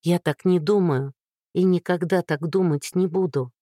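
A woman voicing a hoarse, whispery young heroine in an audiobook, remorseful and loving. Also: on the low side, moderate pace, dark tone, no room sound, studio quality, close to an everyday voice. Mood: pleading, tender. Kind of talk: audiobook reading.

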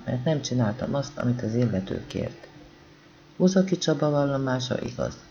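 A man with a gravelly voice reading a novel aloud as an audiobook narrator, calm and even, voicing the dialogue quietly. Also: medium pitch, highs cut off. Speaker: audiobook reader.

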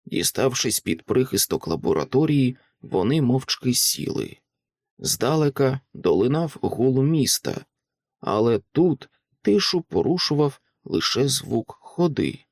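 A man narrating an audiobook in a dramatic, expressive reading style on a close microphone. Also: mid-range voice, unhurried, no echo. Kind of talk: scripted literary narration.

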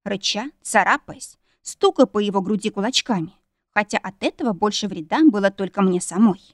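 A woman's voice: mid-range voice, expressive, normal speed, no echo. Woman narrating an audiobook, dry sound. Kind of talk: scripted first-person narration.

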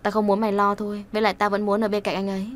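A woman's voice: medium pitch, monotone, racing, lightly acted. Woman reading meek young woman, hesitant, stammering, self-sacrificing. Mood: evasive.

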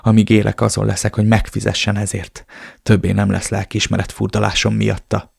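Man reading as a tearful vengeful young woman, gravelly low voice. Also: flat delivery, a little mellow, dry recording, clean studio sound, exaggerated voice. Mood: grieving. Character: grieving furious young woman.

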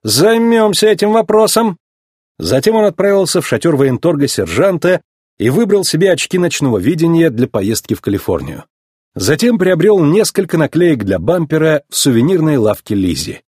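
A man narrating a children's storybook in an expressive, animated reading. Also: a little high, brisk, husky, dry recording, clean studio sound.

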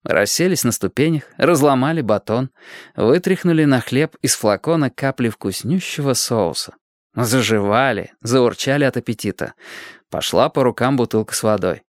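Lively expressive story narrator. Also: mid-range voice, normal speed, no echo, studio quality. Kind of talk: audiobook narration of a children's story.

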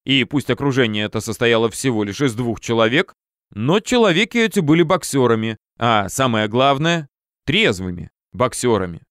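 A man narrating a first-person audiobook, lively and slangy, on a close studio mic. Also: mid-range voice, moderate pace, clean tone, no echo.

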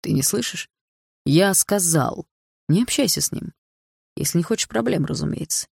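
A woman voicing a controlling middle-aged stepfather who speaks in a calm, menacing, condescending way. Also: lowish voice, normal speed, creaky, husky, dry recording, studio quality, full character voice.

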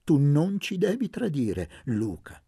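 A man voicing a young peasant girl in a read-aloud novel, husky and gravelly. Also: a little high, wildly swooping pitch, slow pace, mellow, no room sound, clean studio sound, pitched above the performer's own voice, exaggerated voice. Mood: demanding.

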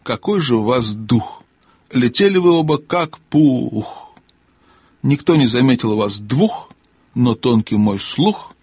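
A man playing a slow, hooting, rhyming owl. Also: medium pitch, expressive, slightly rough, no room sound, exaggerated voice. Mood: fussy. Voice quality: soft but loud hooting voice. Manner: slow, hooting, speaks in rhymes. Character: fussy, excitable female owl. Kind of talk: audiobook character voice.

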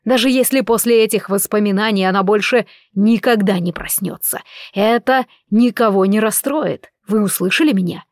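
A woman's voice: medium pitch, normal speed, no room sound, studio quality, lightly acted. A woman reading a callous male court healer. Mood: cold. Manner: displeased, hissing, callous.

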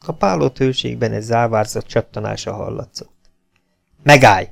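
A man narrating an audiobook in a steady, dramatic storytelling manner. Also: mid-range voice, creaky. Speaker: audiobook reader.

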